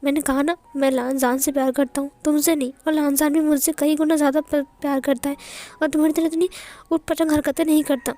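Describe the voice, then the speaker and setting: A woman's voice: high-pitched, flat delivery, fairly quick, dark tone, close to an everyday voice. A woman voicing an indignant young man who stammers as he cuts off a friend. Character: young man, heartbroken, angrily cutting off a friend.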